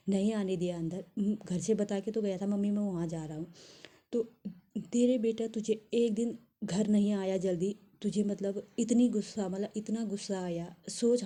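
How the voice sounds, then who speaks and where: A woman's voice: mid-range voice, mellow. A woman in her thirties earnestly telling a devotional testimony, rambling with many restarts and fillers.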